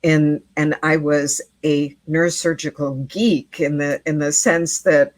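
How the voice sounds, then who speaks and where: A woman's voice: sits low, steady tone, a little slow, no echo. A middle-aged woman, a midwife and interview guest, telling a story earnestly and often repeating words as she goes.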